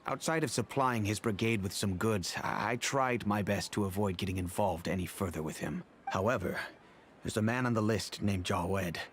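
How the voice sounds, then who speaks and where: An actor playing a polite, remorseful middle-aged father in a video game, speaking in a measured, earnest, formal way. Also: on the low side, slight background noise, close to an everyday voice. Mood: earnest, helpful. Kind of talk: scripted video game dialogue.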